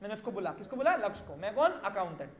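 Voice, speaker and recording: A man's voice: high voice, very animated, very fast, echoey room. A male commerce teacher, lecturing through a story and asking students rhetorical questions.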